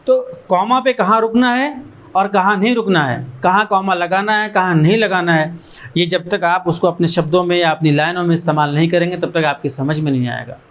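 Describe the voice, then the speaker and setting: High-voiced man urging students on. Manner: earnest, exhorting, piles up short repeated phrases. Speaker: founder of an education trust addressing students. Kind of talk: motivational talk to students. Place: learning centre room with students and teachers.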